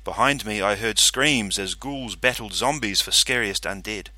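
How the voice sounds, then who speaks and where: Audiobook narrator, male, low voice with a bright forceful edge, dry close sound. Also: no echo. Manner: steady, measured storytelling. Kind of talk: scripted narration.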